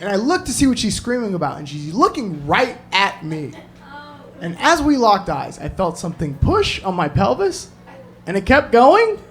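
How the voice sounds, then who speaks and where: A male stand-up comedian telling a story into a handheld mic on a club stage. His pitch leaps around and builds to shouted punchlines. The live recording is noisy. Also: big pitch swings, moderate pace.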